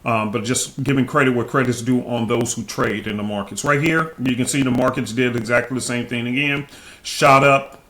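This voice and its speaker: A man's voice: medium pitch, steady tone, normal speed, fairly bright tone. A man casually hosting trading chart commentary in informal, slangy speech, his cheek swollen after having teeth pulled. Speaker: trading video host.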